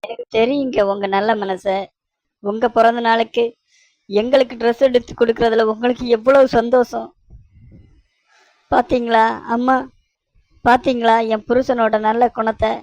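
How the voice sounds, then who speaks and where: A woman's voice: on the high side, steady tone, normal speed, long pauses, a little mellow, no echo, dull audio, lightly acted. A woman voicing a sweet-talking young wife in a cartoon, wheedling her husband. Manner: wheedling, sugary. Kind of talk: cartoon voice acting.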